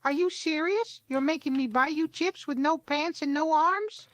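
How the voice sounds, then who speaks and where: A woman's voice: high-pitched, normal speed, dry recording, lightly acted. A woman's synthetic voice playing an exasperated, put-upon young man who complains as he grudgingly goes along with the demands. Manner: whiny, complaining, grudgingly obeys. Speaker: AI role-play partner.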